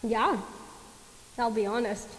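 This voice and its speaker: Sardonic young woman, played by an actress, slightly high voice, long theatre reverb. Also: slow pace. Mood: wry. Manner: dry, sardonic. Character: wry young woman waiting to meet Death. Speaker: stage actor. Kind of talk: stage musical dialogue. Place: theatre stage at dress rehearsal.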